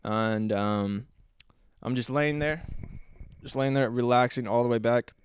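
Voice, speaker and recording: A man's voice: medium pitch, fairly even intonation, a little slow, clear, resonant tone. A young man hosting a podcast, telling a story in a rambling way with lots of restarts and fillers, acting out his own reactions. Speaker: podcast host. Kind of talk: casual storytelling monologue.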